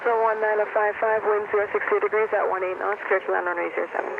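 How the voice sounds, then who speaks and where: A man working as an air traffic controller, giving rapid, clipped instructions over a radio transmission heard through a headset. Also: sits high, little pitch movement, gravelly. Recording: lo-fi radio with static hiss.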